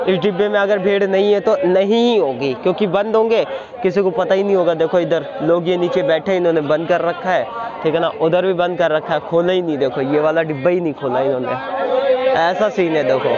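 A young man vlogging his train journey at night, talking chattily to viewers from the platform and the coach doorway, filming with a phone at arm's length. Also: sits high. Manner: chatty, addresses viewers as bhai and guys. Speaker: travel vlogger. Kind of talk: casual travel vlog. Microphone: phone camera at arm's length. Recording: dull lo-fi phone audio with train noise.

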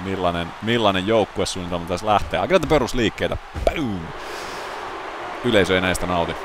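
A man giving excitable play-by-play commentary over a wrestling video game, bursting into loud exclamations. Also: low-pitched, noisy background.

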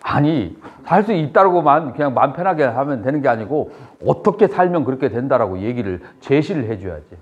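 A middle-aged man, a Buddhist monk lecturing a seminary class, who asks students questions and then answers them, with measured phrasing and pauses. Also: medium pitch, animated, a little hiss or hum. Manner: measured delivery with frequent pauses and "eo" fillers. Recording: dull lo-fi lecture recording.

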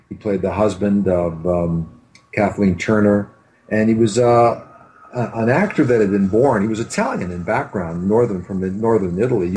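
The audio is poor as a Canadian film director, his voice lowish and mellow, reminisces in a hesitant, meandering way. He's being interviewed over a video call on a computer mic from a bookshelf-lined room at home.

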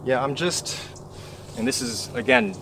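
A young man, a first-year farmer, talking casually in his backyard garden while being interviewed, pausing often with fillers as he thinks. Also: mid-range voice, slight background noise. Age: young adult. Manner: relaxed, thinking aloud with many fillers. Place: backyard vegetable garden outdoors.

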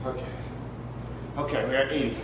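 A man's voice: medium pitch, fairly even intonation, fairly quick. A young man doing push-ups in a casual workout vlog, counting reps and urging himself on, strained and tired. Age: young adult. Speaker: fitness vlogger. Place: concrete-floored garage or basement gym. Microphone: camera on floor a few metres away. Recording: echoey hard-walled room, background furnace noise.

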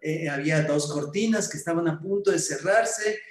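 A man telling a story aloud to young people, lively and repetitive, often correcting himself as he goes. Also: fairly high pitch, moderate pace. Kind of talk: oral storytelling for teens. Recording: roomy sound, distant mic.

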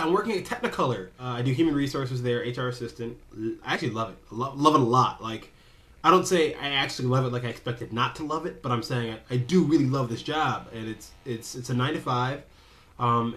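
A man's voice: medium pitch, fairly bright tone. Rambling young man vlogging casually. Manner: rambling, self-interrupting, jokey. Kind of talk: casual direct-to-camera vlog.

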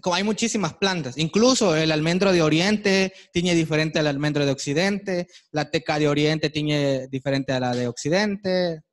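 A man's voice: on the high side, normal speed, hardly any pauses. A man leading a hands-on dyeing workshop, encouraging the group and pointing out the dyed pieces they hold up. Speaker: workshop instructor. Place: workshop room with attendees.

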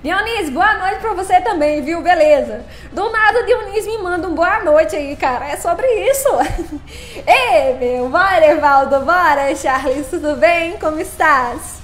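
A woman's voice: very high-pitched, expressive, unhurried. A woman chatting on a live stream, playful and laughing often as she greets her viewers by name. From Brazil.

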